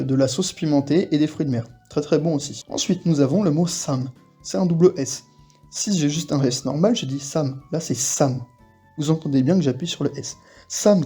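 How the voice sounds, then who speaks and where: Husky-voiced man teaching a casual lesson. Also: fairly high pitch, mellow. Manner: explains patiently, acts out short example phrases. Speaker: Korean language teacher.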